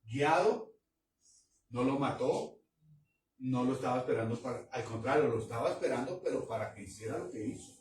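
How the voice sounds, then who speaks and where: Exhorting preacher, echoey and distant. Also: male voice, medium pitch, expressive, moderate pace, darkish tone, slight background noise. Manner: exhorting, asks the congregation questions. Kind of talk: sermon. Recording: echoey room, voice from far off.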